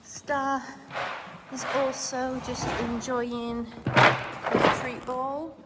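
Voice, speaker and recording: A woman's voice: high voice, level tone, extremely slow, heavy background noise. A young woman, chatting casually as a vlogger at horse stables, upbeat and rambling with fillers. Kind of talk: casual vlog narration.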